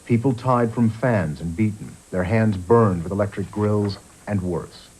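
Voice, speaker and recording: A man, a journalist, giving measured, grave documentary narration, heard from a worn VHS tape copy. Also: fairly low pitch, darkish tone, slightly rough, poor audio. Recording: faint music underneath, worn tape.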